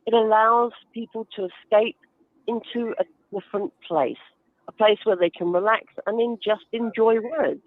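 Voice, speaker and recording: A woman appears as a guest author and reading advocate, giving interview answers that explain and instruct, emphatic and full of everyday examples. Her voice is a little high at a moderate pace, with phone-quality sound and no echo.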